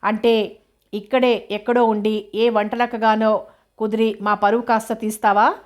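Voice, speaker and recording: A woman's voice: fairly high pitch, level tone, a little slow, dull audio, natural voice. A woman voicing a harsh, domineering middle-aged aunt who scolds and sneers, in a novel reading. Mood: scornful. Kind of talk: audiobook character reading.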